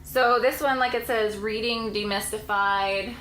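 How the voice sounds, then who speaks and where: A woman's voice: a little high, steady tone, a little slow, fairly bright tone, reverberant, slight background noise, poor audio. A woman in her late twenties, a homeschooling mom vlogger, chatting casually and rambling to camera with frequent laughs. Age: late 20s.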